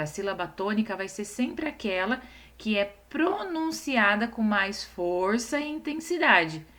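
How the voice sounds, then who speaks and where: A woman teaching a recorded lesson to young schoolchildren, patient and explaining step by step. She slows down to stress syllables and keeps checking whether the children follow. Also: fairly high pitch, pushed and bright.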